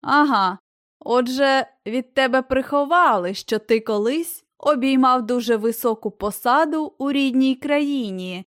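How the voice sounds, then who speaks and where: A woman's voice: sits high, a little slow, fairly bright tone, no room sound, studio quality. A woman voicing a cunning giantess sorceress who gives sly, commanding orders in a storybook reading.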